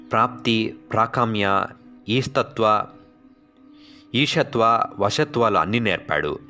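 A man's voice: deep voice, bright, forceful tone. Man doing a teasing wandering fakir. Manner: laughing, teasing, then solemn. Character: wandering male fakir, mocking then grave.

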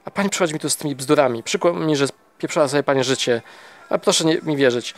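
A man reading a novel aloud, voicing an angry, distraught young husband accused of his wife's murder, pitched up and pressing hard. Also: fast talker, lightly acted. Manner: heated, raised and pressing. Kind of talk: audiobook character voice.

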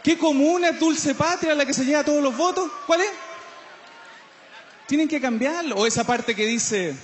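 A Chilean man doing stand-up on an outdoor festival stage, his voice pitched very high. He talks in slangy, mocking bursts and drops into silly impressions. Faint noise sits under the live sound. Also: normal speed. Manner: slangy, mocking, jumps into mimicry and scat singing. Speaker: stand-up comedian.

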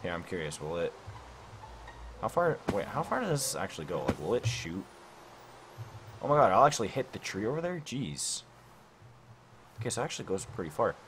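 Late at night at home, a young man comments casually on his own gameplay in a lowish voice that swings widely in pitch, moving a little fast but broken by long pauses, with background noise. A gaming YouTuber on a desk mic, he rambles through let's-play commentary, self-questioning and full of "like" and "I don't know."

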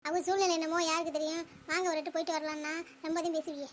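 Squeaky, nagging cartoon mom. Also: female voice, little pitch movement, slight background noise. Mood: bickering. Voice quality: squeaky, rapid-fire complaining. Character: nagging middle-aged cartoon mother, grumbling. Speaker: mother-in-law. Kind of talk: cartoon comedy voice acting.

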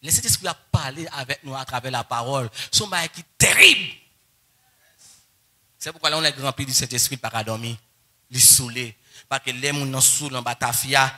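A man preaching a sermon, moving between soft coaxing asides and shouted, sung-out exclamations. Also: medium pitch, a little fast. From Haiti. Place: church or conference hall.

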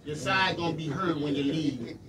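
Casual shout-outs fill this live radio show, hosted indoors in a small studio by a middle-aged man who talks colloquially, earnestly, and repetitively. His slightly high voice moves at a moderate pace, with a crowd audible behind him. A distant room mic leaves the audio noisy.

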